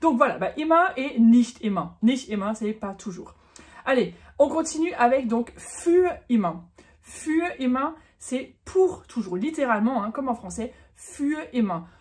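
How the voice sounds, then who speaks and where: A woman's voice: fairly high pitch, animated, a little slow, a little mellow. A woman giving a casual, chatty online German lesson, correcting herself as she goes and stretching out the example words. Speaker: German teacher.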